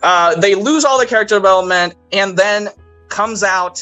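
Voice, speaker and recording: A man hosting a podcast, casually recapping a cartoon movie in an animated way and acting out characters' lines in quoted voices. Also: sits high, normal speed, lo-fi sound, soft background music. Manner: frequent fillers and laughter. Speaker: podcast host.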